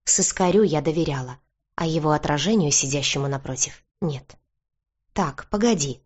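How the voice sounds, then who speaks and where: Woman, audiobook narrator, low voice, first-person storytelling, muffled lo-fi sound. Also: brisk, darkish tone, slightly rough.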